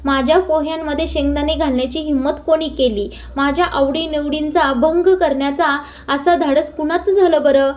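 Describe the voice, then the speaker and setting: A woman's voice: high voice, steady tone, moderate pace, hardly any pauses, a little mellow, lightly acted. A woman reading out the lines of a stern young male estate owner from a serial. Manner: stern, commanding.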